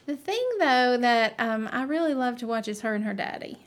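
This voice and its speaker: A woman's voice: fairly high pitch, expressive, moderate pace. A woman hosting a Bible study podcast in a conversational way.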